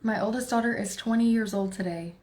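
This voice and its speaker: A woman's voice: on the high side, a little fast, darkish tone, a little hiss or hum. A woman in her forties with a Texan accent, hosting a casual tarot livestream, chatty and laughing as she talks to her viewers and to herself. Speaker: tarot reader livestream host.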